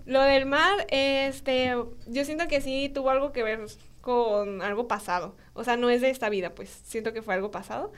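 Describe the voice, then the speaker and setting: Young woman, Mexican Spanish accent, very high voice, podcast guest, animated chat. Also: normal speed, hardly any pauses, clean tone. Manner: animated storytelling, acting out dialogue, frequent fillers. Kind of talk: casual chat.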